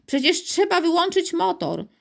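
A woman's voice: very high voice, big pitch swings, normal speed, gravelly, voice pushed up, heavily acted. A woman voicing a flustered grown-up chauffeur who exclaims in bewilderment, in a storybook reading.

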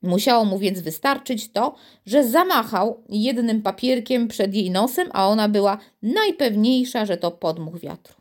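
A woman narrating a children's storybook in a steady, lively storytelling manner. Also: medium pitch, a little slow, few pauses. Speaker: audiobook narrator.

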